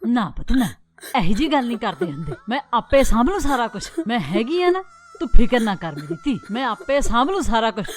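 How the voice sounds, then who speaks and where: A woman's voice: big pitch swings, fairly quick. An actress playing a blind, motherly old village woman with a Punjabi accent, coaxing and tender in a film scene. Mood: soothing. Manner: coaxing, tender, then shrill scolding.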